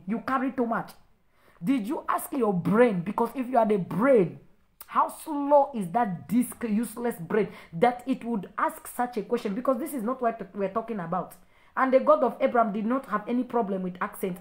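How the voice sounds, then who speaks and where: A woman's voice: on the high side, reverberant. A young adult woman preacher on a livestream, fiercely rebuking commenters in heated, repetitive bursts. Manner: fiery, scolding, rebuking; repeats and stumbles in heated bursts. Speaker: preacher and ministry leader.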